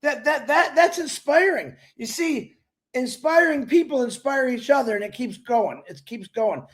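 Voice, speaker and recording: A man with a very high voice hosts a casual motivational livestream. He rambles from point to point in an animated way and laughs often, speaking to his viewers as if they were friends on a live call. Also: normal speed. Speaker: livestream host.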